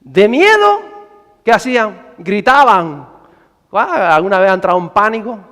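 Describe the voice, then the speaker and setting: A man preaching a sermon, animated, acting out scenes with shouts and character voices. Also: sits high, normal speed. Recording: hall reverb.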